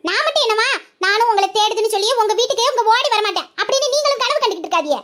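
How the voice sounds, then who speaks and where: A woman's voice: extremely high pitch, expressive, racing, fairly bright tone. A woman voicing a cheeky, sulky young bride-to-be who teases and boasts. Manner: teasing, boastful.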